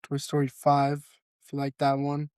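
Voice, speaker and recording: A man's voice: mid-range voice, completely flat delivery, moderate pace, darkish tone, clean tone, no room sound, clean studio sound. A man co-hosting a podcast in a casual, laid-back way, mostly giving short reactions. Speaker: podcast co-host. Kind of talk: casual chat.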